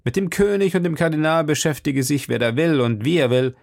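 Porthos, a man voicing a blustering loud musketeer. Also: a little high, animated, brisk, creaky. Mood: lecturing. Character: boastful hot-tempered male musketeer.

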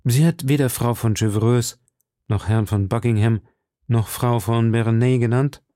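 A man's voice: mid-range voice, fairly even intonation, unhurried, warm tone, no room sound, studio quality, lightly acted. A man voicing a scheming male agent of the cardinal in a read-aloud storybook, with a cold, scornful way of questioning. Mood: probing.

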